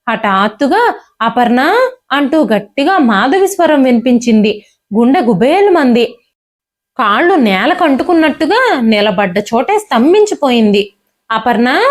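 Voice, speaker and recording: A woman telling a dramatic family story in an emotive audiobook reading. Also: high-pitched. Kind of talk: audiobook narration.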